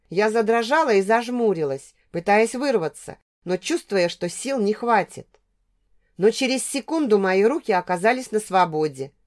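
A woman's voice: medium pitch, a little mellow. A woman narrating a tense first-person novel as an audiobook reader.

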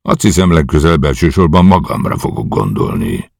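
A terse, dry commanding officer, as a man reads him who cuts in with short questions. The voice is very deep and husky, with a gravelly rasp. It sounds dry and close to the mic. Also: sing-song, darkish tone, no room sound, exaggerated voice. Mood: questioning.

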